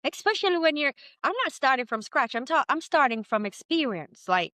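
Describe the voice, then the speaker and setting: A woman in her thirties with a Jamaican accent, telling her story as a podcast guest in a lively, chatty way. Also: high-pitched, fairly quick, dry recording. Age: 30s. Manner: lively, chatty, quotes herself often. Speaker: guest entrepreneur. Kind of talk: candid storytelling interview.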